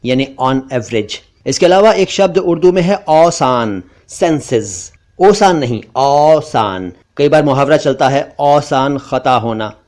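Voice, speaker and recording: A man teaching pronunciation, saying each word slowly and carefully and repeating it. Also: medium pitch, a little mellow. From India. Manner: slow, deliberate, repeats words carefully. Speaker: language teacher. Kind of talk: pronunciation lesson narration.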